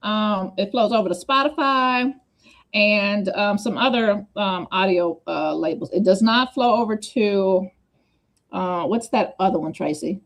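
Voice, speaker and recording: A woman hosts a relaxed livestream chat over a video call. She talks quickly and hops from point to point, circling back with chatty asides. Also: medium pitch. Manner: fast, scattered, chatty with repeated asides.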